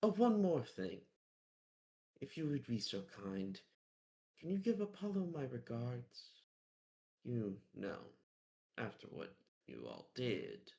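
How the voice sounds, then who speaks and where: A man voicing a cryptic, mocking male Keeper of fate in a live-streamed role-play, speaking slowly in an archaic, theatrical way. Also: mid-range voice, wildly swooping pitch, vocal fry, mellow, heavily acted, rough recording. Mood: teasing. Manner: slow, theatrical, archaic, teasing.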